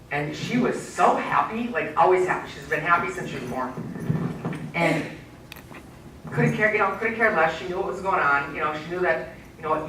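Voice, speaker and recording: Animated woman speaker in an echoey hall. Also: low voice, slight background noise. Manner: animated, asks the audience questions. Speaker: keynote speaker. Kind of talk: storytelling speech to a live audience. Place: community event hall. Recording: echoey hall, mic from far off.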